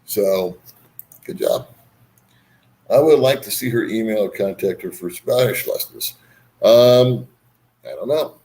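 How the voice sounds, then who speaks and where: Man, lowish voice, livestream host, casual, rambling, easygoing banter. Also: slow, long pauses, mellow. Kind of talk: casual live chat, reading and answering viewer comments.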